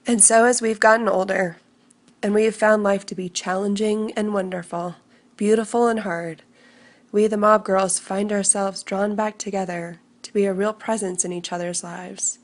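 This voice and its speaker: A woman with a mid-pitched voice speaks warmly and directly to the person she is honoring. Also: steady tone, moderate pace. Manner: heartfelt, addressing honoree. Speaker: tribute speaker, youth group alumna. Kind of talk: heartfelt tribute.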